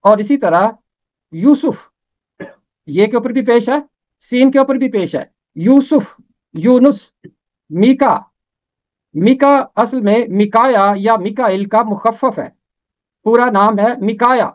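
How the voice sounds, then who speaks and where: Man carefully teaching pronunciation, lo-fi sound. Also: very high-pitched. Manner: slow, careful spelling out of diacritics and repeated names. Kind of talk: Urdu pronunciation lesson. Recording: dull lo-fi recording.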